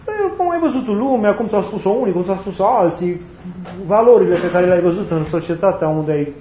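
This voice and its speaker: A man preaching a sermon in a reflective way, often repeating and rephrasing his points, with touches of gentle humor. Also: sits high, expressive, a little hiss or hum. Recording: roomy, slightly dull recording with faint ambience.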